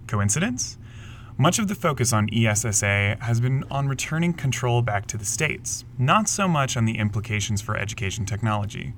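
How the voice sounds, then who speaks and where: A man co-hosting a news podcast, reading scripted headlines in a brisk, lightly wry way. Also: medium pitch, animated, fairly bright tone, a little hiss or hum. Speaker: podcast co-host.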